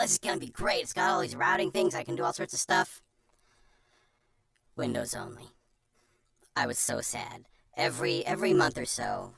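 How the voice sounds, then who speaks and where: Pitch-shifted chipmunk voice, chatty streamer presenter. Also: a bit bright, dry recording. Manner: chatty, self-deprecating, breaks off into muttered asides. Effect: pitch shifter giving a chipmunk voice. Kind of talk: informal how-to presentation on streaming and DJ setups.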